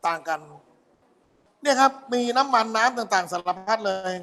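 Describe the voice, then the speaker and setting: A man's voice: extremely high pitch, expressive, moderate pace, pushed and bright. A man tutoring physics for an exam review, walking through problems and checking often that students keep up. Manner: quizzing students with constant "got it?" checks.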